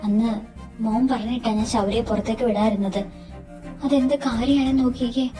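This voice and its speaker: A woman's voice: on the high side, steady tone, fairly quick, natural voice. A woman voicing an anxious, devout middle-aged mother who speaks with worried emotion. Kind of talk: fan audio drama acting. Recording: distant recording over background music.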